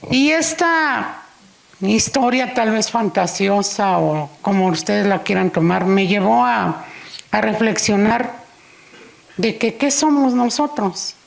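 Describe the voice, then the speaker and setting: A woman's voice: mid-range voice, takes it slowly, vocal fry. A woman preaching in church, unhurriedly telling a story and acting out its dialogue. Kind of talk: sermon storytelling.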